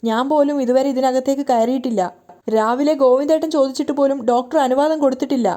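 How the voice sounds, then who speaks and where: Woman reading a caring older sister, urgent, worried, mellow higher voice. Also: fairly even intonation, quick pace, close to an everyday voice.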